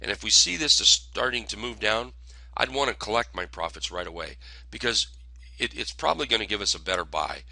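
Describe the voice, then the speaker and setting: A hoarse man hosting a casual stock-trading commentary, talking haltingly with many fillers. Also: lowish voice, expressive, pushed and bright, no echo. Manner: halting, filler-heavy delivery. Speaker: host.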